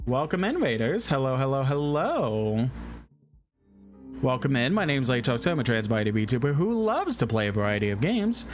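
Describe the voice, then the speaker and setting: A man's voice: mid-range voice, very animated, a little fast, hardly any pauses. A man chatting casually as a VTuber game streamer, rambling along and greeting viewers in a friendly way. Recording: loud background music. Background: music.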